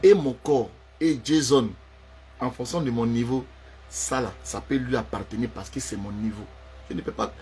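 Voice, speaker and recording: A man's voice: mid-range voice, moderate pace, a little mellow, a little hiss or hum. A man, delivering a heated, confrontational personal rant and repeating himself for emphasis.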